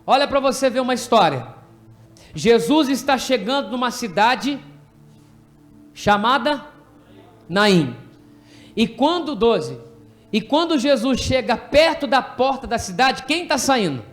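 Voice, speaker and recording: A man with a Brazilian Portuguese accent preaching an animated, jokey sermon in a church, directing people from the pulpit to act out a story. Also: very high voice, a little slow, long pauses, soft background music. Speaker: pastor. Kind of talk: lively sermon with congregation re-enactment.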